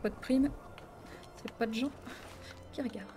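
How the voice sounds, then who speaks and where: A woman streaming a game, chatting excitably to her viewers and laughing often. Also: a little high, moderate pace, background noise. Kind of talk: let's play commentary. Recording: game music playing behind.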